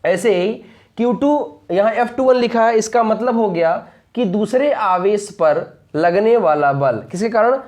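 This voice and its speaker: A man's voice: high voice, animated, a little slow, a little mellow. Male teacher, explaining step by step, rhetorical questions, frequent checks for understanding. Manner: asks rhetorical questions then answers them; repeats key points, checks understanding often. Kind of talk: explaining a physics lesson.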